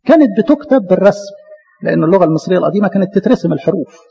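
A man with an Egyptian Arabic accent giving a lively church lecture, talking to his listeners as his beloved. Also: high voice, very fast, vocal fry, breathy edge, long reverb tail, highs cut off. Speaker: Coptic church speaker.

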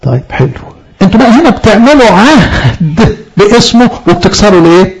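A man's voice: high voice, lively intonation, fast talker, husky. A man preaching a sermon in an Egyptian Arabic accent. He stresses his points and asks the listeners questions, then answers them himself. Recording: dull lo-fi recording.

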